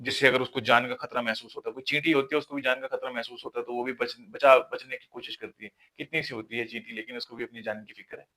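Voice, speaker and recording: A man's voice: medium pitch, fairly even intonation, fast talker, few pauses, bright, forceful tone. A man giving a lecture-style relationship advice talk, earnest and insistent, driving points home with rhetorical questions.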